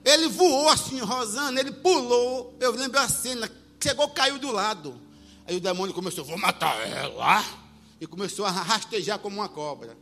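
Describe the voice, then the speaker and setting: A man preaching a sermon, telling a story with animated delivery, acting out voices and sometimes shouting. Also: very high voice, normal speed. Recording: long hall reverb with faint music.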